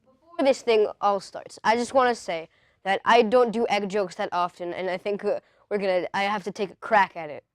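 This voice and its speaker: A woman's voice: mid-range voice, normal speed, dry recording, studio quality, natural voice. A woman playing an awkward young male stand-up comic who keeps pushing his puns and begging the crowd for laughs. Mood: awkward joking. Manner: flustered, pun-heavy, needy for laughs. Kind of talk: comedy sketch.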